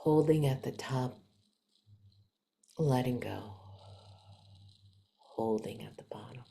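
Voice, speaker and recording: Here a woman leads a guided meditation, her voice extremely low and edged with vocal fry. She stays soft and gentle, lets long pauses hang, and sounds somewhat breathy.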